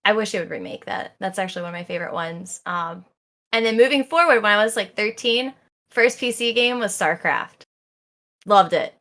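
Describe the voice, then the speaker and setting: A young woman chatting as a guest on a podcast. Her voice is bright and forward, and she talks casually and laughs often. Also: medium pitch, normal speed. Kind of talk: casual chat.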